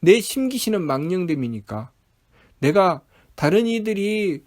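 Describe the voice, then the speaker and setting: A man's voice: sits high, big pitch swings, a little slow, a little mellow. A man preaching a sermon, steadily posing one rhetorical question after another.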